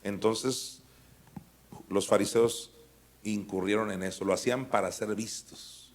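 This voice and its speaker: A man's voice: on the low side, fairly even intonation, unhurried. A man teaching the Bible verse by verse. He talks in a conversational way, asks his listeners questions and rises to emphatic peaks. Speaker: apostle teaching a Bible school.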